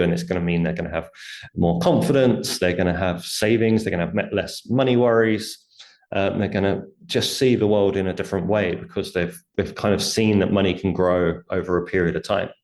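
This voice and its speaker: A man with a low-pitched, slightly mellow voice speaks as an interview guest; he's a writer and speaker on money. He lays out his reasoning step by step in conversational speech, slipping into imagined quotes as he explains. The room echoes noticeably, giving a roomy sound.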